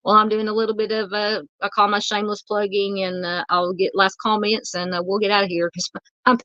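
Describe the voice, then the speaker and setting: Losing her voice and sounding worn out, a Southern woman hosts a true crime livestream, chatting and rambling warmly through comments with lots of fillers. Her mid-range voice is flat and fairly quick. The sound is close, dry and somewhat muffled, without any room echo.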